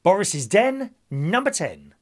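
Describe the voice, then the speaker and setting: A man's voice: high voice, big pitch swings, slow pace. A man working as a bingo caller, reading out numbers in a sing-song, jokey showman manner and chatting chummily to the players. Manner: chummy, addresses players as gang and my loves. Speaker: bingo caller, host of an online bingo night. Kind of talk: bingo calling with number rhymes and banter.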